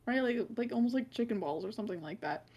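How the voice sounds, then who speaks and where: A woman tells a family story on a casual podcast, her voice sitting a little high. It jumps around a lot as she gets into it, and she keeps breaking into laughter. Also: quick pace, husky. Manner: animated storyteller, laughs often. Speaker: podcast co-host. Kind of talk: casual chat.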